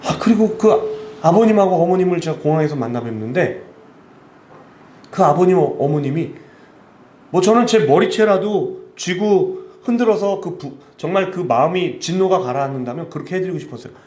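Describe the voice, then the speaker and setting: A man in his fifties, a missionary preacher, delivering an emotional sermon that swings between loud appeals and hushed storytelling. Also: fairly high pitch, lively intonation, moderate pace. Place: church sanctuary. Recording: echoey church hall with faint ambient noise.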